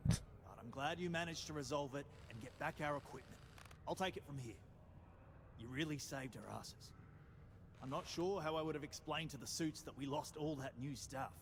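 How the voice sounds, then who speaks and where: A man's voice: on the high side, moderate pace, crowd noise, natural voice. An actor playing a weary working man from a space colony in video game dialogue. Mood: relieved, grateful. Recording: game music underneath. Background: loud background music.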